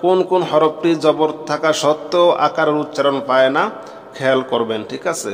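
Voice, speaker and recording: A man teaching Quran reading, slowly chanting each pair of Arabic letters twice in a sing-song way, then explaining quickly in between. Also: on the high side, long reverb tail. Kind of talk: slow drilled recitation of Arabic letters.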